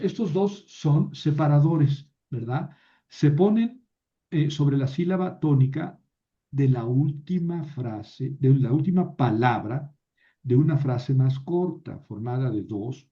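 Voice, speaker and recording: Over dull audio, a Biblical Hebrew teacher with a mid-range, warm voice leads a recorded online lesson. He goes patiently step by step, using many fillers and stumbling over words, restarting them mid-sentence.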